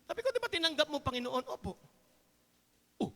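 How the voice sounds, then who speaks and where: A man preaching a sermon as pastor, joking with the congregation and calling for applause, moving between quiet talk and shouted praise. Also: extremely high pitch, very animated, fairly quick, soft background music. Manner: jokes with the congregation and calls for applause. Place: church hall. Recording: church hall with long reverb.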